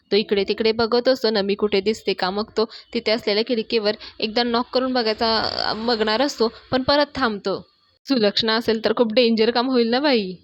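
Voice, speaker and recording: Chatty woman retelling a serial, higher voice. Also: no echo. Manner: chatty, adds asides to listeners. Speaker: serial episode reviewer. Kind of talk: casual retelling of a TV serial episode. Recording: dry, slightly dull close mic.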